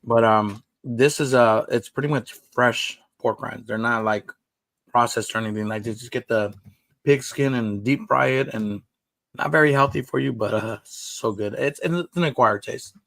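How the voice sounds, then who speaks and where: A man's voice: mid-range voice, normal speed, gravelly, a bit bright, no room sound, poor audio. A man hosting a live stream, chatting in an easygoing, rambling way. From United States. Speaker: livestream host. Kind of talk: casual live-stream chat.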